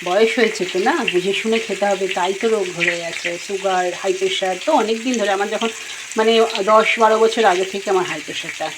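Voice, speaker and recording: A woman's voice: mid-range voice, quick pace. A woman in her fifties, chatting homely and rambling as she cooks in her home kitchen, filmed on a phone camera. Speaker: cooking vlogger. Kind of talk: casual home vlog chat. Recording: home recording with frying noise.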